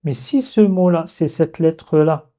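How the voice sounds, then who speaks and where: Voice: mid-range voice, measured pace, mellow. A teacher giving a step-by-step language lesson, patiently repeating key points and drawing out example sounds. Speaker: Arabic teacher. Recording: dull lo-fi recording.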